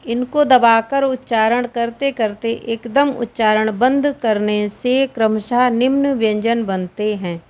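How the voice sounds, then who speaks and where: A woman with a Hindi accent, reading and explaining a Sanskrit grammar lesson slowly and deliberately, drawing out each sound. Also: a little high. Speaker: Sanskrit teacher.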